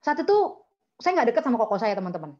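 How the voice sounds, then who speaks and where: A woman's voice: a little high, big pitch swings, racing, darkish tone, muffled recording. A woman giving a personal testimony at a prayer meeting, chatty and emphatic, often turning to address her listeners.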